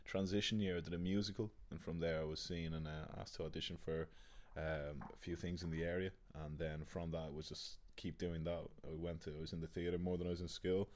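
Young man, Dublin accent, deep voice, little pitch movement, casual, rambling self-introduction. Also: little pitch movement, brisk, few pauses. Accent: Dublin Irish. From Dublin, Ireland. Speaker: actor and drama student.

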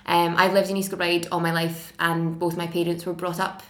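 A 21-year-old woman from Scotland with a Glasgow accent, reading a passage aloud in a measured, careful way and introducing herself. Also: fairly low pitch, flat delivery, fairly bright tone. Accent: Glasgow Scottish.

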